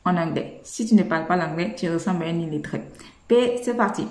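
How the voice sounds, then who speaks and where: A woman teaching English in a casual, chatty, teasing way, slowing down to drill pronunciation. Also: on the low side, a little mellow. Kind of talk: casual spoken lesson. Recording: echoey room.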